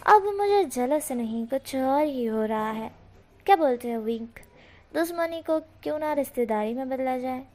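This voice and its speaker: A woman voicing a sly, flirting male fox spirit with a slow, teasing drawl, in a storybook reading. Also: sits high, expressive, warm tone.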